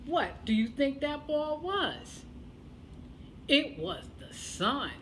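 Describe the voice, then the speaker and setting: A woman telling a children's tale as a storyteller, expressive and deliberate, with dramatic pauses. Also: sits high, a little hiss or hum.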